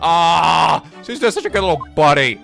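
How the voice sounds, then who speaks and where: A woman's voice: sits low, animated, moderate pace, gravelly, a bit bright, faint music behind. A woman giving casual, goofy, playful commentary as co-host of a let's play. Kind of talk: casual joking game commentary.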